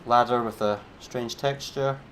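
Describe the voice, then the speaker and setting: A man's voice: mid-range voice, fairly even intonation, measured pace, a bit bright, a little hiss or hum. A man streaming a game, giving laid-back, chatty commentary with a wry edge. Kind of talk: casual gameplay commentary.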